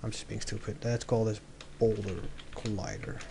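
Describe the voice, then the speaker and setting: A man's voice: on the low side, fairly even intonation, normal speed, gravelly, mellow, slight background noise. A young man walking through a game-development tutorial while he works, thinking aloud and correcting himself as he goes. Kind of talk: screen-recorded coding tutorial.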